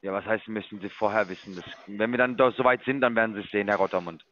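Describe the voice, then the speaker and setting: A man's voice: fairly low pitch, fast talker, a bit bright, muffled recording. A man working as an investment sales caller, lecturing and condescending as he walks a customer through a sign-up. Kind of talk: phone sales call.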